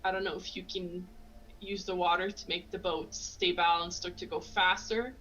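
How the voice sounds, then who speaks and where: A woman's voice: lowish voice, little pitch movement, normal speed, bright, forceful tone, muffled recording, slight background noise. A woman player in a tabletop game, eagerly asking the game master questions. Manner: eager, asks many questions. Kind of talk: casual tabletop game play.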